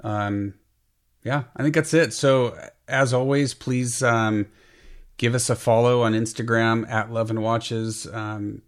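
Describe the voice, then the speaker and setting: A man hosting a podcast in casual chat, halting and repeating words as he goes. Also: medium pitch, steady tone, smooth. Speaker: podcast host.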